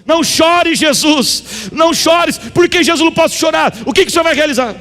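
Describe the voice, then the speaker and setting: A man's voice: very high-pitched, fairly quick, bright, forceful tone, voice pushed up. A man with a Brazilian Portuguese accent voicing a grieving widowed mother who begs for answers in a raised, imploring voice. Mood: pleading. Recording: reverberant church hall with music.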